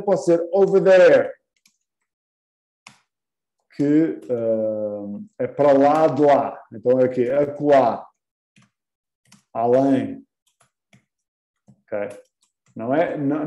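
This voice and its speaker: A man's voice: fairly high pitch, mellow, reverberant, rough recording. A man teaching an English class live, patiently repeating words and quizzing his students.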